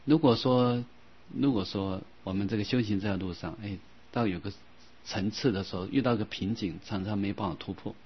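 A low-pitched man with a husky, slightly breathy voice gives a Buddhist dharma lecture. He talks gently and without hurry, dropping soft little fillers, and stretches out scripture lines when he recites them. The sound is dull and lo-fi. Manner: slow, drawn-out recitation of scripture passages. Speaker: Buddhist teacher.

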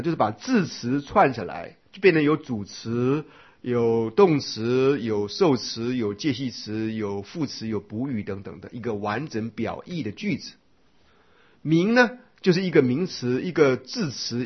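A man delivers a Buddhist dharma lecture in a husky voice. His pitch moves a lot as he explains point by point and keeps asking rhetorical questions. The recording sounds dull and lo-fi. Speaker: Buddhist teacher.

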